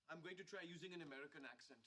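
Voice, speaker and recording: Indian-accented goofy scientist played by a man, slightly high voice, loud hiss. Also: racing, close to an everyday voice. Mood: joking. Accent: Indian English. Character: shy male astrophysicist from India. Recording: noisy sitcom audio played back.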